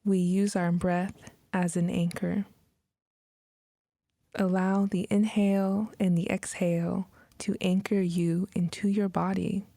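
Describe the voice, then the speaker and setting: Very slowly, a woman guides a meditation in short scripted phrases separated by long pauses. Her mellow, slightly low voice has soft breathy edges and little pitch movement, recorded dry and close with no echo.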